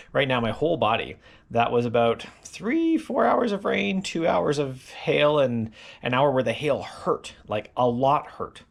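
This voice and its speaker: Casting: middle-aged male cyclist, gravelly mid-pitched voice, sore and worn out, loose rambling delivery with plenty of "uh"s. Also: sing-song, unhurried. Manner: rambling, filler-heavy, self-deprecating. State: sore and tired after a hard ride. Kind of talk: casual recap to camera.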